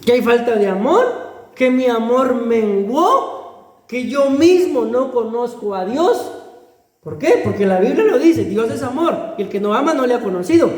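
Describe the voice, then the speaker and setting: A man's voice: very high-pitched, darkish tone. A male pastor with a Guatemalan accent preaching a sermon in a conversational way, often calling the listeners brother and laughing lightly between phrases. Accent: Guatemalan Spanish. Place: church hall. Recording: echoey church hall with long reverb.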